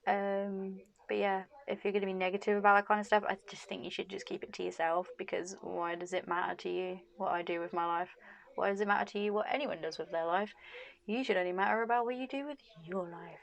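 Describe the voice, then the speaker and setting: With a steady, mid-range voice, quick pace and some vocal fry, this woman chats openly to camera in a casual vlog. Her voice is going a little, and she laughs often, dropping plenty of "like, you know" fillers.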